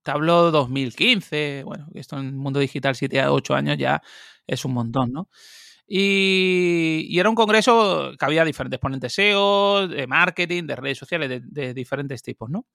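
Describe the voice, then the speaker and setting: Man, interview guest, lively casual storytelling, dry close recording. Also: a little high, creaky, no room sound. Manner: lively, animated, quick asides and laughs.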